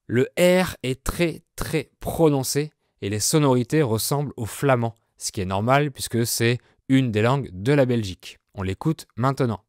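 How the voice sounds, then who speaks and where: A French man hosting a podcast lesson, explaining with slow, clear delivery. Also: mid-range voice, darkish tone, dry recording, studio quality. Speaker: French teacher, podcast host.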